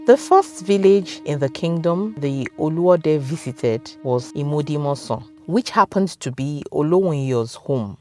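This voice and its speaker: A woman storyteller with a Nigerian accent narrates a scripted folktale, her phrasing dramatic and deliberate. Her voice is deep and warm.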